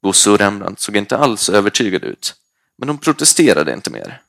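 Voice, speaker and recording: A man reading a first-person story aloud in a lively, expressive way. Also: on the low side, gravelly, no echo, studio quality. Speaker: audiobook narrator.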